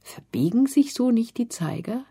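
A woman's voice: fairly high pitch, animated, moderate pace, dark tone, slightly rough, voice pushed up. A woman reading the part of a curious, friendly young boy in a storybook. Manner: eager questioning.

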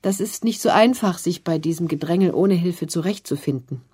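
A woman reading the part of a calm, self-assured young girl who patiently explains things in a storybook. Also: fairly low pitch, fairly quick, husky.

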